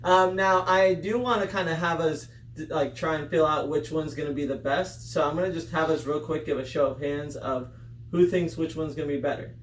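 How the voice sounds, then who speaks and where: Casting: man, high voice, informal tasting-show host; echoey room with faint noise. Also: brisk. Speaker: host of a snack tasting review. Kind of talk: casual group chat, hosting a food review. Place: room with a group of tasters. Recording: roomy echo, distant mic, faint noise.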